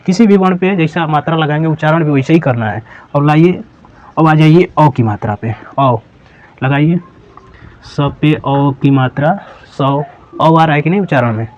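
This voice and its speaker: A man teaching a slow, step-by-step lesson, patiently repeating each syllable and checking that viewers follow. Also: fairly high pitch, a little mellow. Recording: dull lo-fi sound.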